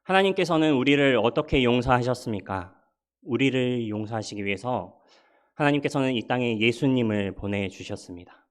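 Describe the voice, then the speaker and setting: A man's voice: mid-range voice, animated, normal speed. A middle-aged male pastor giving a sermon in a conversational, humorous and persuasive way.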